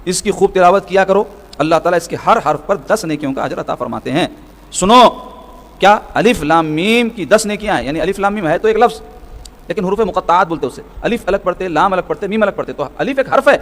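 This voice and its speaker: A man delivers a religious lesson in sermon style. He explains each point patiently, repeats key phrases and keeps asking his listeners questions. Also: high voice. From Hyderabad, South India. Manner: explanatory, repetitive, asks rhetorical questions. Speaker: religious scholar teaching hadith.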